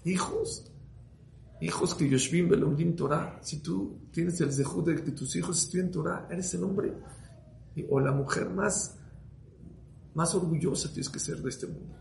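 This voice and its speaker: A man preaching as a rabbi, swinging from hushed to loud and firing rhetorical questions at his listeners. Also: on the high side, measured pace, vocal fry, a little hiss or hum. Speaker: rabbi giving a Torah talk. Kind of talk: sermon to a live audience. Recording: roomy echo.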